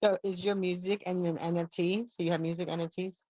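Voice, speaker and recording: Low-voiced woman co-host, dry sound. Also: level tone, fast talker, darkish tone, no echo, poor audio. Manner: brief encouraging interjections. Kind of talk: casual chat on a live audio space.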